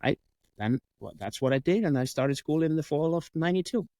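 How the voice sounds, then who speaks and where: An Icelandic-accented man tells his story as an interview guest, slipping into other people's voices for the dialogue. His voice sits fairly high and sounds dry and close to the mic. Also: fairly quick, no room sound. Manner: animated storyteller acting out dialogue. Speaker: guest, coach and sales trainer.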